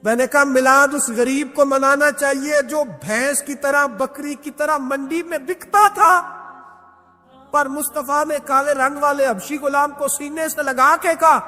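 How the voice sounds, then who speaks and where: A man delivering an impassioned devotional sermon, reciting verses in a slow sing-song. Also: very high voice, steady tone, sharp tone. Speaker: preacher. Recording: reverberant hall with faint background music.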